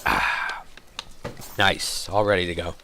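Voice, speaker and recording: A hoarse young man calls a video game live, bursting with excitement and often stopping to correct himself. His voice sits in a middling pitch, and steady background noise runs under the home recording. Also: moderate pace. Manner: excitable, rambling, self-correcting. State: hoarse from a cold. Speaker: game caster.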